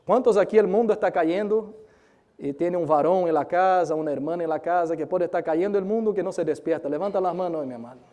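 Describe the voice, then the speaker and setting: Male pastor, high voice, dramatic sermon, loud bursts and quiet asides. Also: quick pace.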